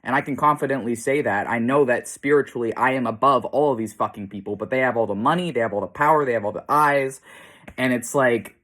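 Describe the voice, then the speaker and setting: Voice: medium pitch, fast, a bit bright. A blunt, foul-mouthed vlogger rants straight to camera in an exasperated, casual way. The delivery is peppered with short laughs. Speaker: self-described demonologist vlogger.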